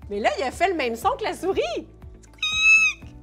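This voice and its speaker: A middle-aged woman with a Québécois French accent, an educator reading a picture book aloud in a lively, playful way and explaining it to parents. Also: sits high, very fast, over music. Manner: animated, playful read-aloud with sound effects. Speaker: early childhood educator.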